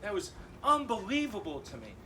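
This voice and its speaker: Young guy doing stand-up, kinda high voice, cusses a lot, laughs at his own bits, live room noise behind him. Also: huge pitch swings, normal speed, pushed and bright, distant mic. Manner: loose, swearing, laughing through punchlines. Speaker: stand-up comedian. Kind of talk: stand-up comedy set. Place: comedy club stage with live audience.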